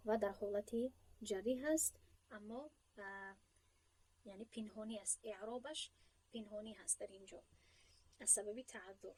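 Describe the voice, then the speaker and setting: A woman's voice: mid-range voice, husky, low-quality recording. A woman teaching an Arabic grammar lesson in Persian as her first language, explaining step by step, asking students questions and praising their answers.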